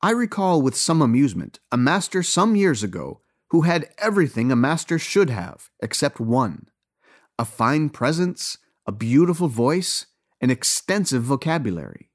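A man reading a story aloud as narrator, in a wry, gently ironic tone. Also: medium pitch, big pitch swings, normal speed.

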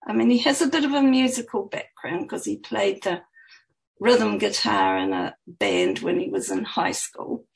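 A woman's voice: medium pitch, big pitch swings, moderate pace, creaky, poor audio. A woman author talking about her book and reading from it in a chatty, hesitant way. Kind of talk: interview answers and reading aloud.

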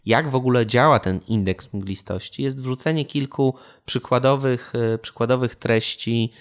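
A man's voice: medium pitch, normal speed. A man hosting a casual interview, asking questions and summarizing with some hesitation, who calls himself a product designer. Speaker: podcast host.

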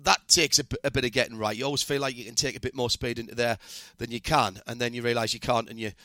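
A man's voice: mid-range voice, flat delivery, fast, bright, forceful tone, no echo, studio quality. A man hosting a motorsport interview, chatty and asking long, rambling questions. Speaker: podcast host, interviewer. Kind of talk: conversational interview.

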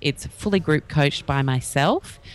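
A man's voice: fairly high pitch, animated, a little slow. A man being interviewed as a guest about wellness courses, talking in a chatty, rambling way with many fillers. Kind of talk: casual podcast interview.

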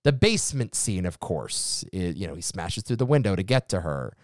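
A man co-hosting a casual film podcast, animated, joking and swearing. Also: low-pitched, moderate pace, no echo, clean studio sound. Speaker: podcast co-host.

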